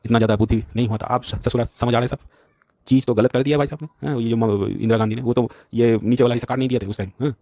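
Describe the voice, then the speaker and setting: Fast-talking agitated man. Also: mid-range voice, steady tone, dark tone, dry recording. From West Bengal, India. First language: Bengali. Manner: agitated, repetitive, keeps saying "bhai sahab". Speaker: vlogger. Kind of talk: heated political monologue.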